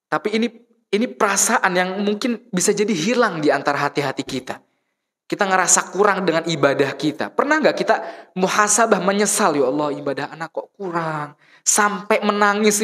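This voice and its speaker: Man preaching in an echoing mosque hall. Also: high voice. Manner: asks the congregation rhetorical questions and answers them; swings between soft asides and raised emphatic points. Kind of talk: conversational sermon.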